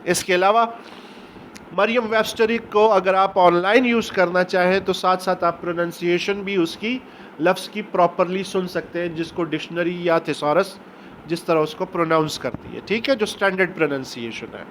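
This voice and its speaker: A man, an English teacher giving a recorded lecture, explaining step by step and reading English passages slowly. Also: high voice, a bit bright, slight background noise. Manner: explains step by step, often asks "ٹھیک ہو گیا؟".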